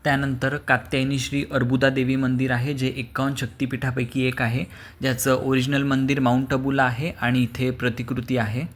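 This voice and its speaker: A man narrating his travel vlog as a calm, even tour guide, with occasional hesitant fillers. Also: medium pitch, fairly quick, a little hiss or hum. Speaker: vlogger.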